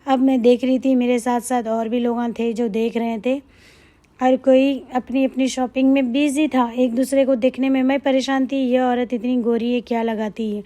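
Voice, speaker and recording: A woman with a hoarse throat from a cold, rambling chattily in a casual vlog voice-over. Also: sits high, little pitch movement, moderate pace, dark tone. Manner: chatty, rambling, repeats herself. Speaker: shopping vlogger.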